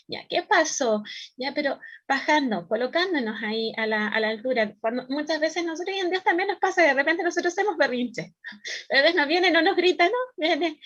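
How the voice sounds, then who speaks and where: A high-pitched woman with a Chilean accent gives a church teaching on raising children. She speaks calmly and explains things step by step, and now and then she acts out a small child's voice to make her point. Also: dull audio. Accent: Chilean Spanish.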